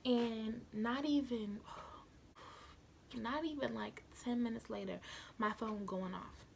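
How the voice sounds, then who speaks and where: Chatty young woman with a gravelly voice. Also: a little high, slow, darkish tone, a little hiss or hum. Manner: chatty, slangy, dramatic retelling. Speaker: vlogger. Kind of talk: casual storytime. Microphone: phone camera.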